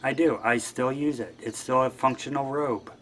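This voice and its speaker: A man's voice: mid-range voice, steady tone, moderate pace, fairly bright tone, a little hiss or hum. A man guest-hosting a show, talking in a rambling, wry and offhand way. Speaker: guest host. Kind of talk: casual monologue.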